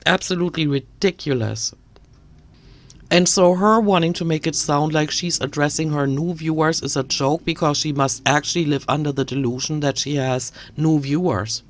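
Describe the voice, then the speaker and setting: A woman's voice: sits low, moderate pace. A woman giving critical commentary on another creator, talking in an indignant, ranting way. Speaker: commentary youtuber.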